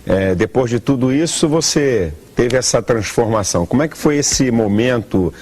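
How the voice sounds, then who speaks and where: A man interviewing a guest, calm, asking questions and adding short agreements. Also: mid-range voice, moderate pace.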